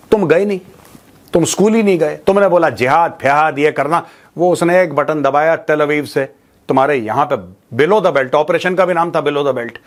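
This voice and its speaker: With a fairly high-pitched voice, a man hosting a news commentary show gives an opinionated, informal monologue to viewers on current affairs. He sounds mocking and colloquial, asks rhetorical questions, repeats phrases for emphasis, and mixes in English.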